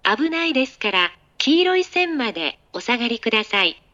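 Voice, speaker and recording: A woman's voice: a little high, sing-song, sharp tone, lo-fi sound. A woman giving a recorded, polite train platform announcement, phrase by phrase. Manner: polite, phrase-by-phrase delivery with pauses. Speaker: station announcer.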